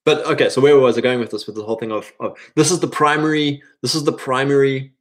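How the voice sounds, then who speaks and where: This thirty-year-old man talks fast in a medium-pitched voice with fairly even intonation. His informal, rambling motivational monologue offers advice to other men, and he keeps slipping into imagined quotes.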